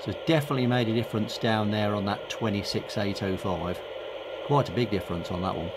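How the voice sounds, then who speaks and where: Speaking fairly low and quick, a middle-aged hobbyist host of radio videos muses aloud with informal hesitation during a casual hands-on demo. He's indoors at his home workbench and radio desk. The audio has clear background hiss and room noise, plus radio static and ambient noise.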